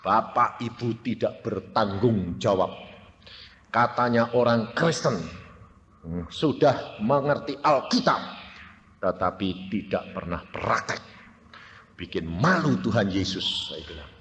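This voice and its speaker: A man, preaching a sermon as a testimony story, acting out quotes and swinging from hushed to shouting. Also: lowish voice, animated, slow pace, muffled recording, slight background noise. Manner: dramatic, acts out quotes, shifts from hushed to shouting. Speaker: evangelist preacher. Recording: hall reverb, faint ambience.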